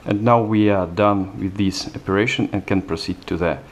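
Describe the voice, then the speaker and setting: Low-voiced man demonstrating software. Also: fairly even intonation, moderate pace, a little hiss or hum. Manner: plain step-by-step explaining with hesitant fillers. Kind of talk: screencast product demo narration.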